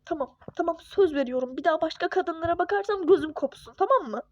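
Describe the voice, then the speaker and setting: A woman voicing a young husband and father in a home-made toy-game role-play, who pleads apologies and gushes with excitement. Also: very high-pitched, quick pace, highs cut off, a little hiss or hum. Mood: pleading.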